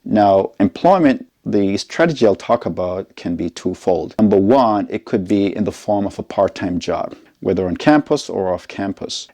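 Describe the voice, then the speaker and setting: Deep, gravelly man. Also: darkish tone. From Jamaica. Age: middle-aged. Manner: measured, explanatory, often checks in with "right?". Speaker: college educator. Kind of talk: informational advice talk to camera.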